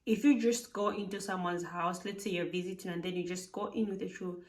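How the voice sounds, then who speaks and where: A woman's voice: on the low side, fairly even intonation, a little fast, distant mic. A woman from Zambia, giving chatty advice in a casual vlog and filling her talk with "like". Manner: chatty, frequent "like" fillers, emphatic. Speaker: vlogger living abroad.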